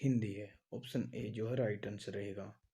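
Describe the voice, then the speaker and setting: Dark-voiced male teacher drilling answers. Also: on the low side, fairly even intonation, moderate pace, breathy edge. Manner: asks each question, then repeats the answer; says "आपका" and "जो है" a lot. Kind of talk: exam-prep lesson.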